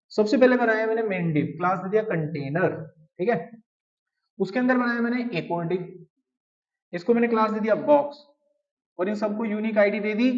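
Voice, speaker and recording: A man teaching web design step by step in a conversational tone, often asking his students questions. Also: high-pitched. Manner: conversational, asks the class questions. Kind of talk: live coding tutorial. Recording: distant mic, dull lo-fi sound.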